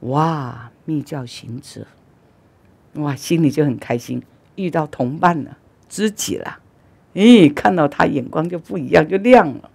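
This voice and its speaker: A woman Buddhist teacher giving a dharma talk, telling stories animatedly, with loud urging and quiet asides. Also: deep voice, unhurried, vocal fry, husky.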